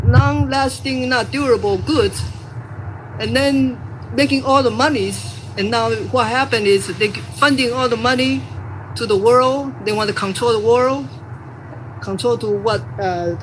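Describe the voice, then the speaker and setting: An older woman gives unscripted public remarks, pausing often on fillers and restarting her sentences. Her voice sits fairly high. The recording carries heavy traffic noise. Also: low-quality recording. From Taiwan. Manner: halting, many fillers and restarts. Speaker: professional engineer speaking at a press event.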